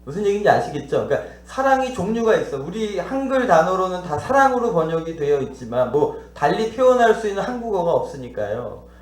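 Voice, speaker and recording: A man's voice: sits high, very animated, a little fast, hardly any pauses, roomy sound. A male pastor delivering a teaching sermon. He puts questions to the congregation and acts out the dialogue he describes. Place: church sanctuary.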